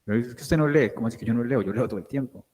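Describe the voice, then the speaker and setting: A man's voice: medium pitch, racing, darkish tone, breathy edge. Lecturing man in an echoey hall. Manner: explains with questions, checks understanding with "¿sí?". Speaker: guest lecturer. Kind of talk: classroom lecture.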